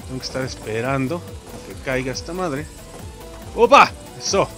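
A young man with a Mexican Spanish accent giving casual, excitable gameplay commentary, swearing and yelping at the game. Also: mid-range voice, fairly quick. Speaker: gameplay streamer. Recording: game music in the background.

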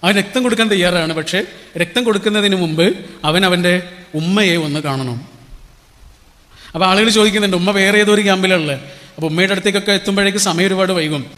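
A middle-aged man gives an inspirational speech in a fairly high voice. He tells stories and throws rhetorical questions to the crowd. A long reverb trails after his words in the hall. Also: quick pace, pauses often, fairly bright tone. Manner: storytelling, rhetorical questions to the audience. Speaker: motivational speaker.

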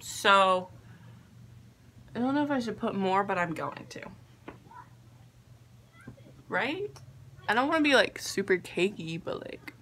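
A young woman vlogging casually, halting and unsure of herself, with a self-deprecating way of talking. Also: medium pitch, lively intonation, bright, forceful tone. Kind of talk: casual makeup vlog chat. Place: attic bedroom, indoors. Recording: faint background noise, room ambience.

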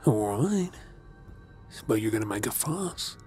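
Creepy male stalker played by a man for whispered role-play: obsessive, menacingly tender, very slow delivery, music underneath. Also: fairly low pitch, full character voice. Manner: creepy, slow, hesitant pauses with mocking softness.

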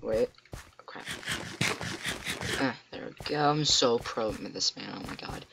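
A teenage boy with a cracking voice, rambling excitedly to himself as he plays a computer game. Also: mid-range voice, measured pace, gravelly, noisy background. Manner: excitable, rambling, talks to himself while playing. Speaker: gamer. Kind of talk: casual game commentary. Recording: loud keyboard clicks and typing.

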